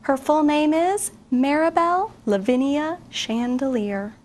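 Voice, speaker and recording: A middle-aged woman with a high voice reads a picture book aloud to children, expressive and stopping often to ask the young listeners questions. She's a teacher visiting as a guest reader and lingers over the words, with a faint hiss of noise under her voice.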